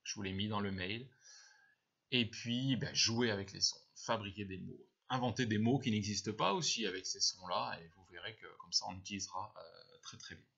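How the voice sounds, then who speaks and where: A man's voice: fairly low pitch, moderate pace, vocal fry, pushed and bright, husky. A male first-grade teacher casually explaining to parents how to practise letter sounds, patient and full of fillers and restarts. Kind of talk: casual spoken advice to parents. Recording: dull lo-fi recording.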